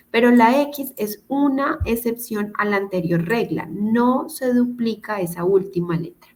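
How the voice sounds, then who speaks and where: A woman teaching English grammar in Spanish over a video call, explaining rules patiently step by step and often checking that students follow. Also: medium pitch. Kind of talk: online class explanation.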